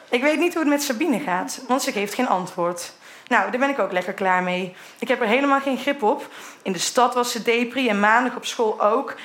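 A woman's voice: on the high side, a bit bright. A middle-aged woman reading her old teenage diary entries aloud in a candid way, sometimes laughing at what she wrote. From Netherlands.

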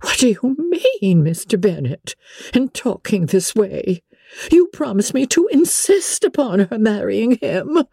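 A woman voicing an agitated, excitable middle-aged wife and mother in a dramatic reading of a classic novel. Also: medium pitch, unhurried, vocal fry, breathy edge, no room sound, studio quality, pitched above the performer's own voice, full character voice. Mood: indignant. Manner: agitated, exclamatory.

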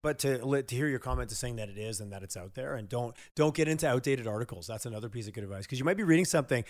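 A male interview host who talks at a brisk clip, chatty and easygoing. His pitch sits in an ordinary middle range, and he laughs easily and restarts his thoughts mid-sentence. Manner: quick, chatty, laughs often, trails off and restarts. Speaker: podcast host. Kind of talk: casual interview chat.

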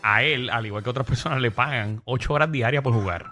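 Man, Puerto Rican accent, radio co-host, quick and bright, announcer hype, faint music underneath. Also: medium pitch. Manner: hypes and introduces callers, announcer-like. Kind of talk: fast radio banter. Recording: faint music bed in studio.

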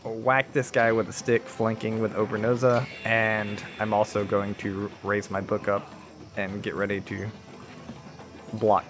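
A man playing a tabletop game, describing his character's moves in a relaxed, hesitant way. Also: on the low side, measured pace, music in the background. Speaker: player.

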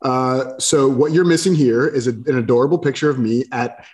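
A man's voice: mid-range voice, normal speed, darkish tone. A man guest on a podcast, chatting casually with joking, irreverent asides. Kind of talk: casual chat.

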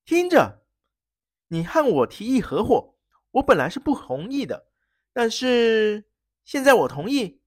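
A storyteller voicing a cunning, fierce gentleman thief who threatens and shouts. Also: mid-range voice, sing-song, a little slow, no room sound, clean studio sound, voice pushed up. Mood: furious. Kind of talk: storybook reading.

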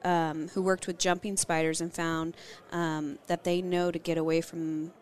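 A woman co-hosting a podcast in a bar, chatty and quick to laugh, swearing casually. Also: fairly low pitch, flat delivery. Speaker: podcast co-host.

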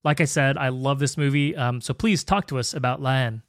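A man's voice: mid-range voice, moderate pace, no echo, clean studio sound. A man hosting an interview, reading out film facts and asking questions with enthusiasm. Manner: enthusiastic, reads facts then asks questions. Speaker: interview host. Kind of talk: podcast interview.

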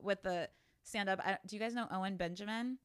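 A woman's voice: mid-range voice, brisk, clear, resonant tone, no echo, studio quality. A woman stand-up comic with a lisp, a guest telling self-deprecating stories in casual podcast chat.

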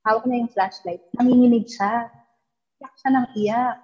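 A woman's voice: fairly high pitch, steady tone, normal speed, darkish tone, husky. A woman telling a ghost story in a casual interview, mixing English into her talk and acting out what people said. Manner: mixes English into Tagalog, acts out quoted dialogue. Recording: dull lo-fi recording.

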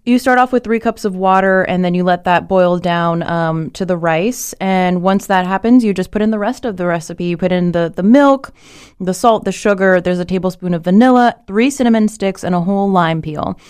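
A woman's voice: on the low side, normal speed, a little mellow, clean tone, no echo, clean studio sound. A woman from Miami, a radio reporter, talking chattily and laughing often in a casual conversation. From Miami, United States.

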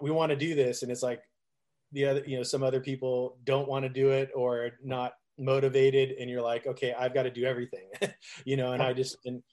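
Guesting in a casual interview, a middle-aged male musician spins stories that ramble and restart, with frequent laughter and acted-out quotes. He speaks with a medium pitch and a darkish tone.

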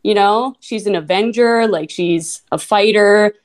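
A woman's voice: medium pitch, a little slow. A woman in her thirties from North Dakota with an Upper Midwest accent, chatting upbeat as a podcast guest, full of "like" and "you know". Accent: Upper Midwest American. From North Dakota, USA. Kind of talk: casual interview chat.

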